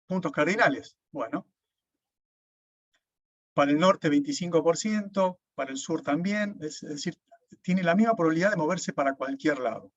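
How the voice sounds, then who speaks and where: Lecturing an online class, a man with a slightly high voice explains things step by step, frequently checking in with "¿sí?". There's no room sound, and the recording has a dull, dry lo-fi quality.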